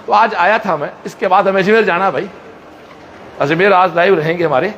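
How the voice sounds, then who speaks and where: This live walkthrough vlog follows a coaching and school founder as he chats with students and talks to the camera in his school's classrooms and corridors. He has a high, fairly bright voice at normal speed. The audio is dull, with a little hiss or hum.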